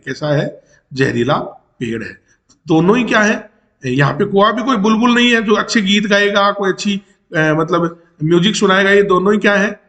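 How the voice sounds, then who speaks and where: लंबे अंग्रेज़ी शब्दों वाला भारतीय शिक्षक. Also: male voice, high voice. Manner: lively, rising questions, switches Hindi and English. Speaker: teacher. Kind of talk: explaining a poem to students. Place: home near railway tracks.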